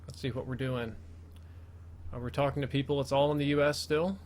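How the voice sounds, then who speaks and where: A man's voice: mid-range voice, level tone, brisk, darkish tone, a little hiss or hum. An American man doing casual live commentary as the host of a gaming video, his S sounds slipping a little because he wears braces.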